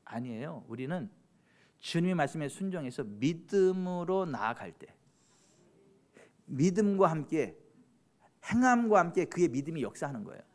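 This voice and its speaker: A man preaching a sermon as pastor, swinging from soft chatty asides to loud fervent exhortation and teasing church members. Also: on the high side, big pitch swings, normal speed, long pauses. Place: church sanctuary.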